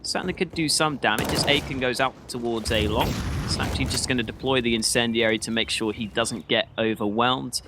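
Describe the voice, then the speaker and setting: A man's voice: mid-range voice, fairly quick, hardly any pauses. A man working as an esports caster, giving analytical commentary on a live match and explaining tactics with his own opinions. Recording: clear background noise with clicks.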